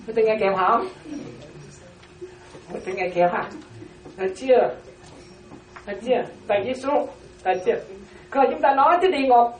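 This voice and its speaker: A Buddhist nun teaching a class gives a dharma talk, repeating key phrases and continually asking whether her listeners follow. Her fairly high, darkish-toned voice moves at a normal speed with frequent pauses, recorded on a distant mic in a roomy space.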